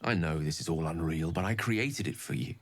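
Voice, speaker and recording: A man with a low voice speaks briskly as he voices an eloquent, learned male wizard in a video game, using formal, tender, articulate phrasing. The game audio carries soft music behind him.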